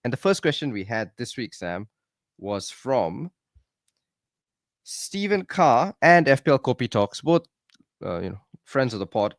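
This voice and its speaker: A man's voice: mid-range voice, big pitch swings, measured pace, long pauses, no room sound, studio quality. A man hosting a podcast in casual chat, upbeat and teasing, keeping things moving. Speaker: podcast host.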